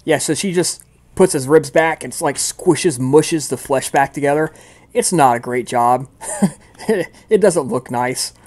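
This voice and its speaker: A man's voice: a little high, unhurried, darkish tone. A man narrating a tabletop game as game master in a casual, rambling way, full of fillers.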